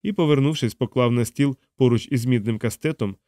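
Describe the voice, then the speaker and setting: A man narrating an audiobook with a steady, dramatic reading. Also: medium pitch, brisk, no echo.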